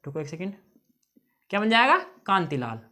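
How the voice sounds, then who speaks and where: High, lively male teacher. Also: normal speed. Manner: keeps checking in with students, repeating phrases. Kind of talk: exam-prep lesson teaching memory tricks.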